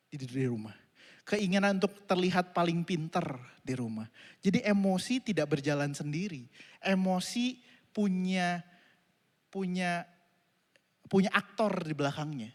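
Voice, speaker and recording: A man preaching a sermon, telling a family story in an animated way and addressing the congregation directly. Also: high voice. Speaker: pastor. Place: church auditorium. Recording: reverberant hall.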